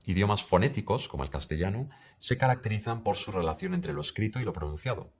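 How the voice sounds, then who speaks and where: Low-voiced male English teacher. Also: animated, fast. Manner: direct, addresses the listener, models English words. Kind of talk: scripted online lesson.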